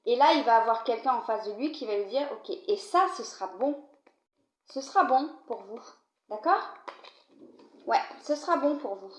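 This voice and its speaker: This card reader talks at a moderate pace with lively intonation and long pauses, working through a tarot-style spread to camera while fighting a cold and coughing. Her manner is chatty, addressed right to the viewer with plenty of "d'accord?". Her voice is captured at low volume in a dull, roomy home setting.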